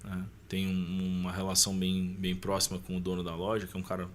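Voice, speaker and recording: As a podcast guest, this Brazilian-accented man in his thirties shares personal stories in relaxed, slangy speech, frequently using short tags to get agreement. His voice sits low with a completely flat delivery and a quick pace. Slight background noise is present.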